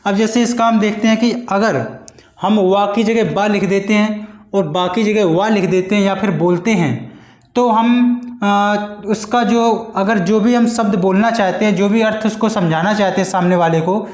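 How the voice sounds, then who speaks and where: Man, teacher, patient exam-prep lesson, high voice, roomy echo. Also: fairly even intonation, darkish tone. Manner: patient, repeats points and models sounds slowly.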